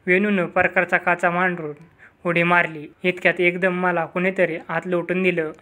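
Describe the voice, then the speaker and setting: A man reading a first-person story aloud in a steady narrating manner. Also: high-pitched, moderate pace.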